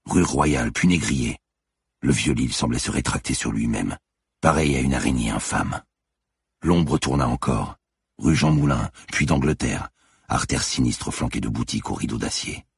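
A man narrating a thriller audiobook in a tense, measured, scripted delivery. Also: very deep voice, creaky, breathy edge, dry recording, clean studio sound.

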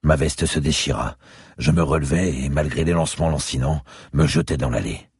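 A man giving grave, steady first-person narration of a dark thriller audiobook. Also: very deep voice, normal speed, breathy edge, no echo, studio quality.

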